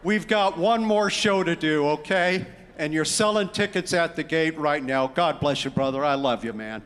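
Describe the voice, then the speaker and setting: Man telling a lively eulogy story in a hall. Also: fairly high pitch, normal speed, slight background noise. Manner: lively storytelling, acting out the quoted lines. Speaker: eulogist, brother of the deceased. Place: large hall at a memorial gathering. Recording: long hall reverb.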